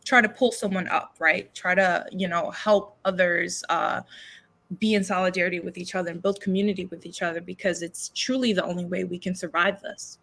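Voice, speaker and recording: A woman's voice: on the low side, steady tone, brisk, gravelly, fairly bright tone. A woman poet who grew up in New York, talking earnestly as a guest and thinking aloud with restarts and tag questions. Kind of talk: livestream book conversation.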